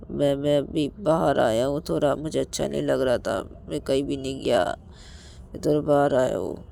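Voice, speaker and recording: A woman's voice: extremely low pitch, creaky, dark tone, a little hiss or hum, exaggerated voice. A woman voicing a drunk young man who stammers and pleads that he has changed.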